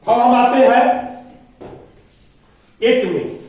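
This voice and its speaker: A man teaching a grammar lesson in a slow, explaining manner, listing items one by one. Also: extremely high pitch, darkish tone. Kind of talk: classroom-style grammar lesson. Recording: echoey room, voice from far off.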